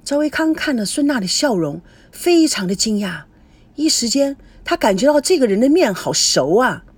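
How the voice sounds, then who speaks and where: Expressive woman narrating a radio serial. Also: mid-range voice, slightly rough, no room sound. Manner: expressive, animated storytelling. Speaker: radio story host and narrator.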